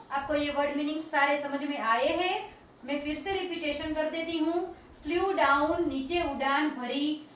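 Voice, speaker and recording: A woman teaching a children's vocabulary lesson, explaining each word slowly and repeating it. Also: high voice, fairly bright tone, a little hiss or hum. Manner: slow, repetitive word-by-word explaining. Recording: very echoey room, distant mic.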